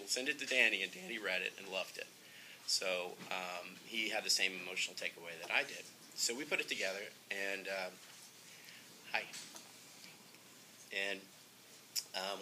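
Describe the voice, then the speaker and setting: Low-voiced earnest film director. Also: male voice, pushed and bright, a little hiss or hum, low-quality recording. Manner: earnest, gets emotional, frequent ums and uhs. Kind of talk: interview, storytelling.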